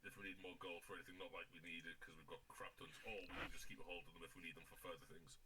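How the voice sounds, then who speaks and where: A man's voice: sits low, flat delivery, rapid-fire, very noisy. A man playing a tabletop game, chatting casually and explaining his moves. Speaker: player. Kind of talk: casual tabletop play chat.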